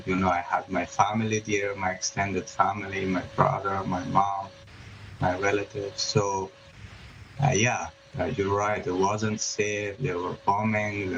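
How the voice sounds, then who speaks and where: A man's voice: sits low, creaky. A man, a journalist speaking as a guest in a remote news interview, hesitant, with many fillers and restarts. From Afghanistan. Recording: muffled remote line with background noise.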